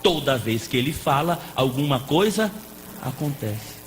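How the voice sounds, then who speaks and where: A man preaching a lively sermon as a pastor, playful and joking with the congregation. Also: medium pitch, measured pace. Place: church hall. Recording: echoey hall with faint noise.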